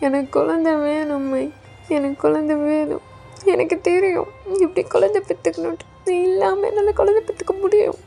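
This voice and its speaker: A desperate young man in a fan audio drama, pleading and insistent, close to tears, as a woman acts him out. The voice sits very high and carries a gravelly fry. Its tone is dark and mellow, with soft music underneath. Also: level tone, normal speed. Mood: defiant.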